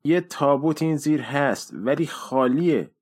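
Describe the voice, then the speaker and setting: A man's voice: on the high side, expressive, a little mellow, no echo, studio quality. A man voicing a blunt, sardonic middle-aged father in an audiobook, with an offhand delivery. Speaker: voice actor. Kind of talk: audiobook dialogue reading.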